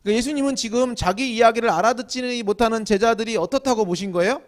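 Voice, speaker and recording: High-voiced man preaching conversationally. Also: fast talker. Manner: conversational, asks the audience questions and acts out scolding quotes. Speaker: pastor. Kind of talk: sermon. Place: indoor church hall at a small evening gathering.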